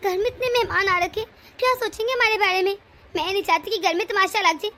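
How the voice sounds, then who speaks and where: A browbeaten middle-aged wife who long bore her mother-in-law's rule, voiced by a woman in a cartoon story. Her very high, bright voice grumbles and pleads. She sounds put-upon but quick to defend herself. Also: steady tone. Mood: pleading. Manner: complaining, pleading. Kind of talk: cartoon voice acting.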